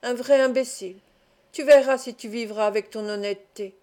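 Femme jouant un jeune voleur amer. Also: female voice, fairly high pitch, steady tone, normal speed, darkish tone, natural voice. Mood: furieux. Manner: angry reproachful. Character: young male thief, bitter and scornful.

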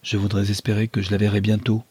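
A man voicing a gentle but firm young Englishwoman in a read-aloud novel, his husky voice lifted somewhat higher. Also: completely flat delivery, fast. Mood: gentle, pleading.

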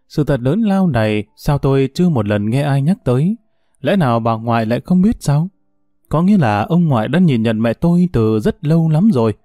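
A male storyteller reads at a steady, reflective pace. His voice is mellow and dry, with faint music running quietly underneath. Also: medium pitch, no echo. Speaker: narrator. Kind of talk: storytelling narration.

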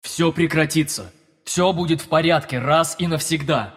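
A man's voice: on the high side, normal speed, slightly rough, big-room sound, pitched above the performer's own voice. Man doing an old angry spirit guy, growly, pushy, storybook villain vibe. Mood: urgent. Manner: growling, forceful. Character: ancient supreme male spirit, furious and driven.

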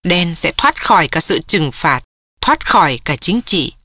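A woman narrating an audiobook in a bright, forward voice. The recording is dry and close, with no room sound. She reads every character herself and rises in pitch when the dialogue turns emotional. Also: very animated, a little slow, no echo. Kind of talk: audiobook reading.

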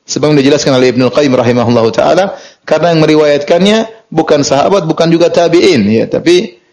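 A male Islamic preacher giving a storytelling lecture, reading Arabic text and explaining it, lively and chuckling at times. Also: fast talker, rough recording. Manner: lively, rises in pitch for emphasis and chuckles. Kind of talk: sermon.

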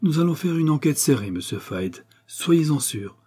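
A man voicing a calm, formal ship captain speaking in an official, reassuring way. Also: fairly high pitch, normal speed, husky, voice pushed up.

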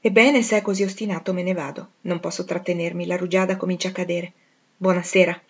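A woman's voice: lowish voice, little pitch movement, fast, slightly rough. Woman reading as a cheerful coaxing young lady. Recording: dull lo-fi recording.

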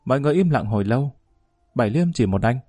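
Brief: male audiobook-style narrator, even and unhurried, dry close mic. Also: medium pitch, husky, no echo. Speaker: storyteller. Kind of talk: scripted story narration.

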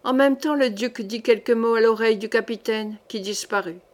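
A woman narrating an audiobook of a historical novel in a measured, expressive reading. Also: on the high side. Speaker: audiobook reader.

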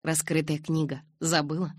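A woman's voice: low voice, little pitch movement, dry recording, clean studio sound. Edward, an amused teenage boy, as a woman reads him. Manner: amused and unhurried. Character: mocking, calm teenage boy.

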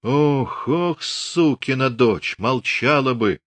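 A man voicing an irascible old Cossack patriarch who shouts and curses. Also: low-pitched, very animated, extremely slow, breathy edge, dry recording, exaggerated voice. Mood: grumbling lament. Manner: shouting, cursing.

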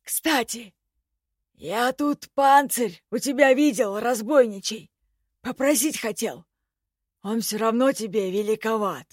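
A woman voicing a sly, slow-talking elf veteran. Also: on the high side, no room sound, studio quality. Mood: crafty. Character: sly, seasoned male elf warrior.

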